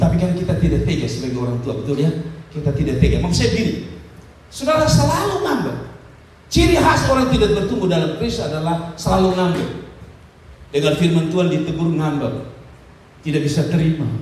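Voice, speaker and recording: A man's voice: a little high, a little mellow. A man from Indonesia, preaching a sermon in a direct, scolding way, repeating phrases and calling out to the congregation. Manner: calls out to the congregation with "saudara" and "amin". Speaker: pastor. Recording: echoey hall recorded from far off, faint ambience.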